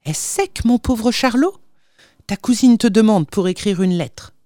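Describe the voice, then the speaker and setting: A woman's voice: on the high side, measured pace, dark tone, no room sound, studio quality, pitched above the performer's own voice, lightly acted. A woman reading aloud and voicing a kindly older woman servant with a tender, coaxing manner in a storybook.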